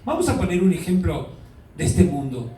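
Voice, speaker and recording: Priest, male, high voice, drawn-out emphatic preaching; caught from afar in a roomy church. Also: wildly swooping pitch, dark tone, slight background noise. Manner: asks the congregation questions, drawn-out emphasis. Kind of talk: sermon. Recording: echoey hall, mic far off.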